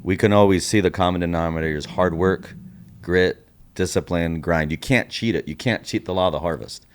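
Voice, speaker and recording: A man in his forties, from Puerto Rico, is the host of an interview podcast. His voice sits low. He speaks earnestly, in the way of a motivational speaker, and slips Spanish phrases into his English. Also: a little fast, clean tone. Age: 40s.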